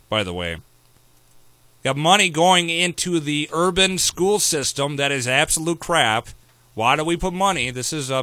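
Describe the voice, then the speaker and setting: A man's voice: fairly high pitch, bright, forceful tone, dry recording. A man hosting a talk radio show, ranting in a sarcastic, opinionated way.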